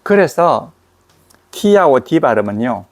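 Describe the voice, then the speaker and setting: A man teaching English pronunciation, repeating example words slowly and drawn out. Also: mid-range voice, sing-song. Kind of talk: explaining and demonstrating pronunciation.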